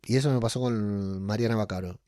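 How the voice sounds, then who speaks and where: A man with an Argentine Spanish accent rambles casually as a podcast host in a personal monologue, full of fillers and restarts. His voice is lowish and warm, fairly quick, recorded with clean studio sound and no echo.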